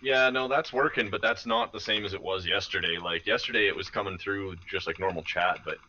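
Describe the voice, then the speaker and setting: A man's voice: low-pitched, a little fast, sharp tone, dull audio. A man talking casually with a streamer friend on voice chat, blunt, teasing and profane.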